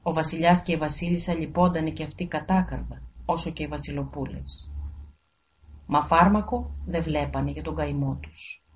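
A woman's voice: sits low, steady tone, dull audio, slight background noise. Woman reading a fairy tale. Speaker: storyteller.

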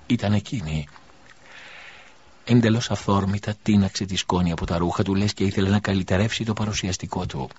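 Male audiobook narrator, low voice, husky, dull lo-fi recording, solemn measured reading. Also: darkish tone. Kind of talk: scripted narration.

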